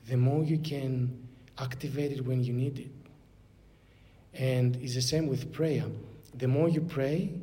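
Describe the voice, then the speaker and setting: A man with a Greek accent giving a spiritual talk as a clergyman, answering questions in a measured, instructive way. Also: mellow. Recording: noisy room with low rumble.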